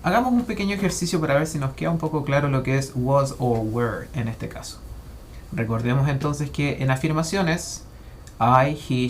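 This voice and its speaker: A man teaching English grammar in a methodical lesson, slowing down to spell out example phrases. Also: medium pitch, a little hiss or hum.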